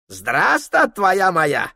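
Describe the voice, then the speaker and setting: A man's voice: sits high, wildly swooping pitch, very slow, gravelly, bright, forceful tone, dry recording, clean studio sound, pitched above the performer's own voice, heavily acted. A man voicing an elderly hunter who speaks in broken grammar and short, clipped exclamations. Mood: stubborn, warning. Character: elderly Tungus hunter man, stubborn, fearful.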